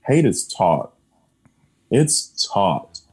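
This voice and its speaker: Earnest low-voiced man, podcast guest. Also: very animated, drawn-out words, darkish tone, husky. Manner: emphatic, earnest, repeats affirmations; laughs between points. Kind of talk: casual conversation.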